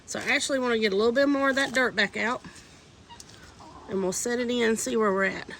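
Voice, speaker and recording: In a low-quality recording, a fast-talking woman with a fairly high, steady, fairly bright voice, congested from a cold, shows how to repot seedlings outside in the wind. The homesteading vlogger is chatty, homey and instructive, and faint wind noise is audible.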